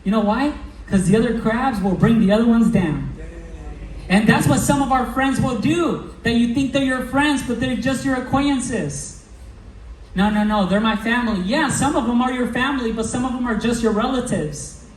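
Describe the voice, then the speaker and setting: Man, motivational speaker, energetic, slangy, quizzes the crowd, roomy hall, picked up from a distance, faint noise. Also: very high voice, normal speed. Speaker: business coach speaking at a recruiting meeting. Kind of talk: motivational stage talk. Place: event hall with a live audience.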